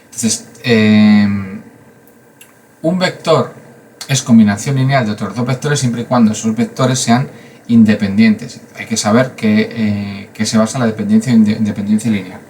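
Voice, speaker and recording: A man's voice: fairly low pitch, fairly even intonation, moderate pace, darkish tone, a little hiss or hum. A man from Spain giving a casual math lesson, chatty and full of fillers and asides. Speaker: math teacher.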